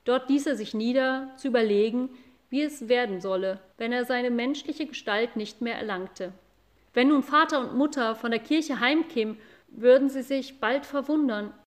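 Calm woman reading a storybook. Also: fairly high pitch, moderate pace. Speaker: narrator. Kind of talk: audiobook narration.

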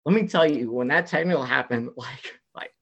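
A man spins a long, rambling story in casual chat. His voice sits at an ordinary middle pitch, and he leans heavily on "like" as he talks. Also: normal speed, creaky, husky, lo-fi sound. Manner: rambling, many "like" fillers, animated retelling. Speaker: podcast guest.

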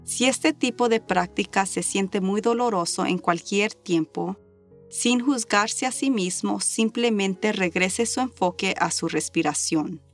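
A woman with as her leads a scripted guided meditation. She speaks slowly and in a measured, instructional way, at a medium pitch. Faint music plays behind her voice.

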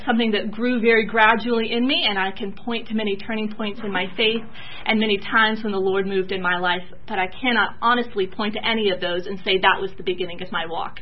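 A soft-spoken young woman from Georgia gives a church talk about teaching on her mission, often pausing and using fillers. Her voice is mid-range, and the recording sounds lo-fi.

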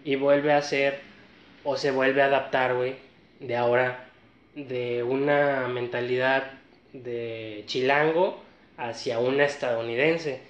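A man with a northern Mexican accent telling a story in casual chat, relaxed and slangy, with many fillers. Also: medium pitch, slow pace. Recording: echoey room, slightly dull sound.

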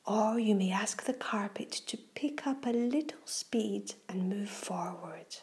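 Slow, half-whispering woman guiding children's meditation. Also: medium pitch, lively intonation. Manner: soft, breathy, half-whispered, gentle delivery; slow, deliberate, soothing phrasing. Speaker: host of a children's relaxation show. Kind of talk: guided meditation for children, read from a book.

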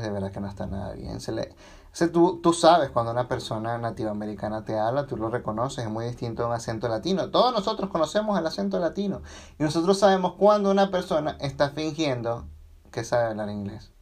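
A man with a Venezuelan accent hosting a casual solo podcast, rambling and sarcastic as he talks. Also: medium pitch. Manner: rambling and sarcastic, often restarting phrases. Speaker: podcast host.

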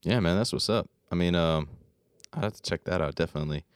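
A man's voice: sits low, quick pace, clean tone, no echo, clean studio sound. A young man co-hosting a podcast, easygoing and slangy, often trailing off mid-thought. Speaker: podcast co-host. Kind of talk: casual chat.

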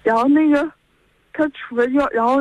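High, steady, and somewhat dark in tone, this young woman's voice moves briskly with no echo as she rambles through her story on a call-in chat, chaining events with "and then." She's in her twenties, speaks with a Northeastern Mandarin accent, and is heard through a dull, lo-fi telephone line.

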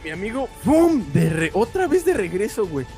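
A young man with a Mexican accent, a streamer casually telling a story in slangy, animated speech, dropping "güey" all the time. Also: high voice, moderate pace, faint music behind. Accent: Mexican Spanish.

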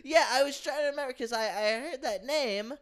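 A man's voice: extremely high pitch, fairly quick, a loud crowd. A man co-hosting a podcast, chatting casually in a wry, profane, jokey way. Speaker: podcast co-host. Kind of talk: casual chat.

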